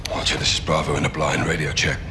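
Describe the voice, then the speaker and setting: An actor playing a gruff, seasoned British special forces captain in a military game, giving laconic, clipped orders. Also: male voice, very deep voice, fairly even intonation, fast, music in the background. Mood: tense, guarded. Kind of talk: dramatic game cutscene acting. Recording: loud cinematic score under dialogue.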